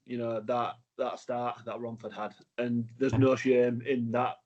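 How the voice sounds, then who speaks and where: A man's voice: medium pitch, flat delivery, measured pace, a little mellow. A man with a northern English accent hosting a casual podcast chat, passing questions to his guests. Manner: chatty, hands questions to guests. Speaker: podcast host. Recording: dull lo-fi audio.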